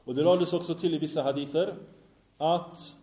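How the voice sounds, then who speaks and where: An Islamic teacher with a fairly high, steady and warm voice leads a religious lesson in a small, echoey room, picked up by a microphone there. He poses questions to his students and then supplies the answers himself.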